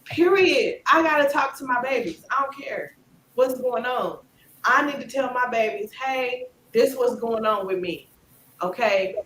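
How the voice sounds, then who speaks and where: A woman in her forties hosting a casual gossip commentary, talking in an animated, emphatic way. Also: unhurried, slight background noise. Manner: animated and emphatic, drops low when doubtful. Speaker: channel host. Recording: roomy echo.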